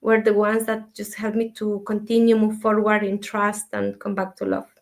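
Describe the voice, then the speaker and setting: Soft-spoken woman from Ecuador, flat tone. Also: mid-range voice, normal speed. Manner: soft-spoken, thoughtful, many fillers. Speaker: dream mentor, guest. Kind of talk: casual interview talk.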